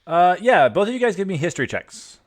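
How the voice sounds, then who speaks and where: A man's voice: high voice, very animated, fairly quick, slight background noise. A man acting as game master, explaining lore with lots of fillers and restarts. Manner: rambling, filler-heavy explaining. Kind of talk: improvised narration for a tabletop game.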